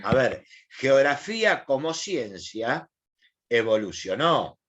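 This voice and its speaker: A man's voice: medium pitch, big pitch swings, slow pace, a bit bright, muffled recording. A man with an Argentine accent teaching an online class, asking questions and explaining in a colloquial way. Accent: Argentine Spanish.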